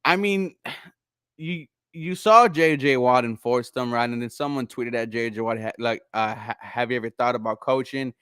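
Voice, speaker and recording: A man's voice: mid-range voice, moderate pace, hardly any pauses, a bit bright, clear, resonant tone, dry recording. A young man from Houston hosting a casual sports talk show, rambling with lots of fillers and answering chat. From Houston, Texas. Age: young adult. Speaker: host.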